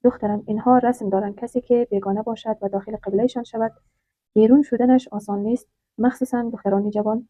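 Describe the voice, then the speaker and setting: A woman voicing a sorrowful, resigned father speaking gently to his daughter in a storybook tale. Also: on the high side, fairly even intonation, dry recording, natural voice. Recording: dry, tinny phone-like sound.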